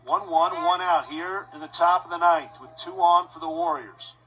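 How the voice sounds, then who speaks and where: A man's voice: on the high side, dull audio. Man calling baseball play-by-play. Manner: measured, rising to shouts on big plays. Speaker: play-by-play announcer. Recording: broadcast with steady background noise.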